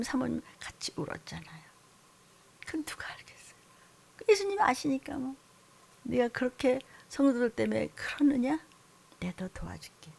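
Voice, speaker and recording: A woman delivers a sermon in a somewhat high, gravelly voice. She lurches from loud, scolding declarations down to hushed whispers and back again. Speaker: pastor.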